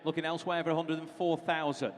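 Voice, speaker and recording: A man's voice: a little high, flat delivery, fast talker. A British man working as an auctioneer, calling bids in a running patter of repeated figures and prompts to bidders. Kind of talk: live auction calling, running bid chant. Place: large reverberant auction hall. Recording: reverberant hall sound.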